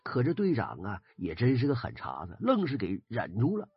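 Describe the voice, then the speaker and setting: A man with a Northeastern Chinese accent telling a folk ghost story in a lively, dramatic way. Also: medium pitch, moderate pace, dry recording. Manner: lively, dramatic retelling, husky. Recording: dry, slightly dull recording with faint music.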